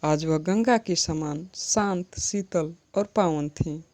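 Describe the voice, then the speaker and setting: Woman teacher, slow and measured, recites verse then explains it; lowish voice. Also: darkish tone. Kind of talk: Hindi poetry lesson explanation.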